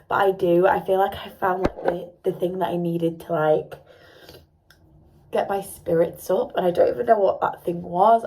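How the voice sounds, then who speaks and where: A woman's voice: fairly low pitch, dark tone. A young woman vlogging casually at home, rambling with lots of fillers and a slight sore throat. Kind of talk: casual vlog chat to camera.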